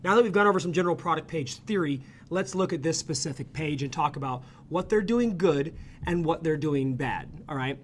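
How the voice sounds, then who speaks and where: Speaking fairly quickly in a higher register, a man leads a screen-share lesson as an ecommerce consultant. His energetic, conversational style has him confirming each point with "okay?" or "right?", and there's slight background noise.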